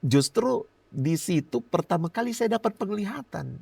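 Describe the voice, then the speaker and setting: Gravelly middle-aged pastor guy telling his testimony, lots of laughs, dry mic. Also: high-pitched, normal speed, no room sound. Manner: animated storyteller, laughs often, acts out his own prayers. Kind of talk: personal testimony in a podcast interview.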